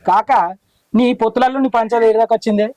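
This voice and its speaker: A man's voice: very high-pitched, fairly even intonation, fast, warm tone, low-quality recording. A man playing a prodding nephew in a village comedy. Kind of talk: scripted village comedy acting.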